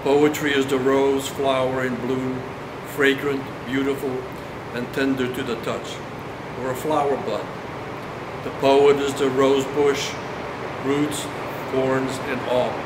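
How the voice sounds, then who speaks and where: Slow-reading poet in an echoey hall. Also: male voice, medium pitch, little pitch movement. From Brazil. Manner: slow, measured recital. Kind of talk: poetry reading. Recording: echoey hall with air-conditioning hum.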